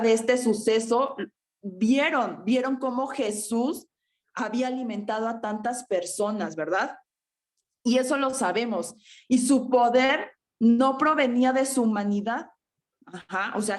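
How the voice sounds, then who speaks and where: Preaching a sermon to her congregation in a fairly high-pitched voice, a woman keeps closing her points with a questioning "¿verdad?" and an "ajá," and she addresses her listeners as hermanos, brothers and sisters.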